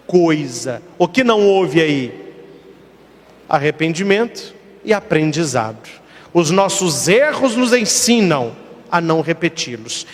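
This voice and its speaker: A man with a high, very lively voice preaches a sermon as a priest. He tells stories, acts out short exchanges and asks rhetorical questions. His voice rings out with a long hall reverb. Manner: storytelling with acted dialogue and rhetorical questions.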